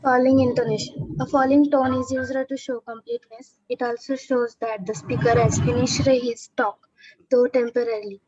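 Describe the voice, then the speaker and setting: A woman's voice: on the high side, fairly even intonation, normal speed, darkish tone, dull audio, slight background noise. A female student reading a textbook passage aloud carefully in class.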